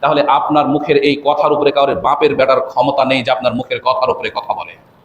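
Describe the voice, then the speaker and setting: A man, an imam from Bangladesh, delivering a sermon. He asks rhetorical questions and often rises to loud, emphatic peaks. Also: medium pitch, steady tone, a little fast, lo-fi sound. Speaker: imam and preacher. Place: mosque. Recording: echoey mosque hall, faint ambience.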